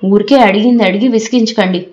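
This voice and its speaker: A woman voicing an irritable, anxious middle-aged mother who scolds her family in sharp outbursts, in an audiobook reading. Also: mid-range voice, steady tone, fast talker, muffled recording, close to an everyday voice. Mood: scolding.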